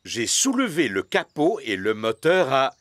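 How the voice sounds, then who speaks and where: A man's voice: mid-range voice, huge pitch swings, measured pace, a bit bright, slight background noise. A man voicing a cheerful, easygoing father pig in a dubbed cartoon, with a jolly, fatherly manner. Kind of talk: French cartoon dubbing.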